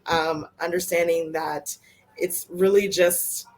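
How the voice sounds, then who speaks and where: Lady on a panel talking leadership stuff, kinda low voice, straight-talking, laughs a lot. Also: fairly even intonation, slow. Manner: earnest, plain-spoken, laughs often. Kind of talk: casual panel discussion.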